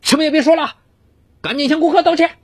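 A man's voice: very high-pitched, quick pace, pitched above the performer's own voice. A man voicing a bossy male store manager who scolds curtly in a raised voice.

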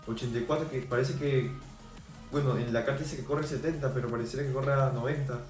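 Excitable young man reviewing a football game. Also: medium pitch, fairly quick. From Peru. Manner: excitable, erupts into shouting over goals. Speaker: FIFA video reviewer. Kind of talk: gameplay commentary. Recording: echoey room with music behind.

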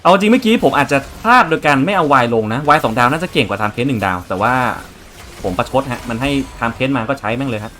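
A man's voice: mid-range voice, big pitch swings, quick pace, pushed and bright, slight background noise. A young man casually commenting on his strategy game as he plays, chatting to viewers and swearing freely. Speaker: game streamer.

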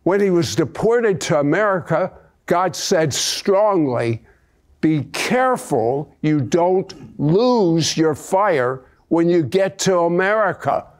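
An older man hosting a TV show in a studio, speaking slowly and emphatically. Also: sits high, expressive. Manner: slow, emphatic, earnest delivery. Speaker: TV host. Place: studio with live audience.

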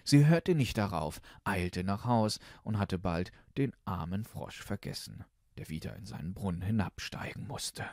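A man reading a fairy tale aloud in a calm, soothing way. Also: low-pitched, dry recording, clean studio sound. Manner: slow, even and soothing. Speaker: storyteller.

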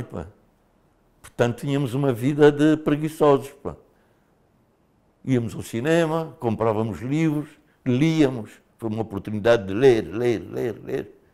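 An older man from Mozambique, once a liberation fighter, tells his story to a TV interviewer. He speaks animatedly, at a middle pitch, often tossing in casual fillers. It sounds like a lapel mic in a studio. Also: darkish tone. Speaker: former liberation fighter, guest.

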